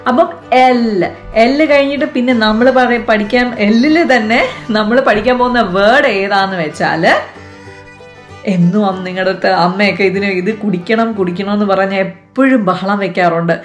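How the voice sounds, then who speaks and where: A woman's voice: medium pitch, moderate pace, soft background music. A woman with a Malayali accent hosting a casual lesson for children, chatty and coaxing, asking the viewer questions. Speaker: vlog host teaching French to kids.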